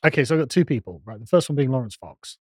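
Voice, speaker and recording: Lively, laughing man on a podcast. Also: medium pitch, rapid-fire, slightly rough, dry recording. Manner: animated, laughs often, mimics voices. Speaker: podcast co-host. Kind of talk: casual banter on a live stream.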